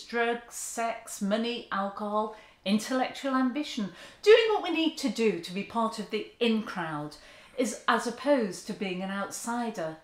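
Lady in her 50s giving a sermon at home, very lively up-and-down voice, roomy echo. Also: medium pitch. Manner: earnest, expressive, with open hand gestures. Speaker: church speaker. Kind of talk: sermon talk to camera. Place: living room, seated on a sofa indoors. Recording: echoey room.

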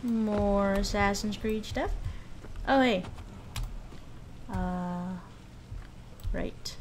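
A woman's voice: medium pitch, extremely slow, slight background noise. A woman hosting a let's play, giving casual, joking gameplay commentary and swearing freely.

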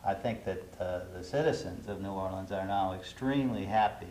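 A middle-aged man, an urban planner, speaking in a measured, thoughtful way with some hesitations on a studio panel. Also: sits low, a little mellow. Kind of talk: panel discussion. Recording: roomy studio with faint hiss.

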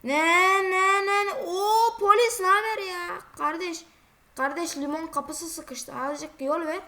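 High-voiced chatty woman playing a game. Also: a bit bright. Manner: chatty, exclaiming at the game, scolding other drivers. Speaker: gaming video creator. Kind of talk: casual gameplay commentary.

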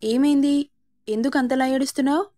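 A young husband in a spoken story, playful with his new wife and protective of her, as a woman narrator puts him on. The voice sits fairly high and mellow. It is the reader's own warm sound, barely changed. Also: fairly even intonation, moderate pace, close to an everyday voice. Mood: worried. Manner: teasing and affectionate, turning sharp and indignant.

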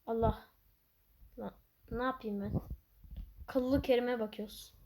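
High-pitched, excitable woman game commentator. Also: slow pace, a little hiss or hum. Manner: excitable, playful, swings to loud outbursts. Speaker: gaming channel host. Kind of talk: gameplay commentary.

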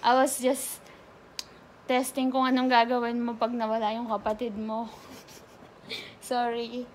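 A woman's voice: a little high, little pitch movement, unhurried, slight background noise. A woman, a mother vlogging casually at home, chatting while mixing Tagalog and English. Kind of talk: casual vlog.

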